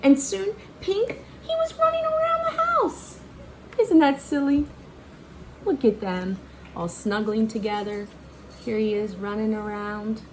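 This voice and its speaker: A woman with a fairly high, expressive voice reads a picture book aloud in an unhurried, child-friendly teacher manner, with asides and questions for the kids. The recording is rough and has slight background noise.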